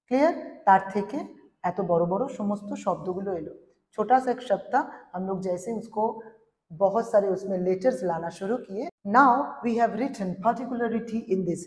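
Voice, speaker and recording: A woman teaching an English grammar lesson, slowly sounding out words syllable by syllable and switching between languages. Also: mid-range voice. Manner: slow, drawn-out spelling and syllable counting. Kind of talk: classroom lesson. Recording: echoey room with long reverb.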